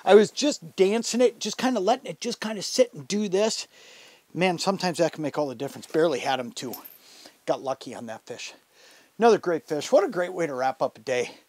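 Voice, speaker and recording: This middle-aged fishing show host speaks on the high side, animated, slightly fast, and a little mellow, with no room sound. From a fabric ice-fishing shelter, he gives casual instructional commentary that is folksy, enthusiastic, and conversational.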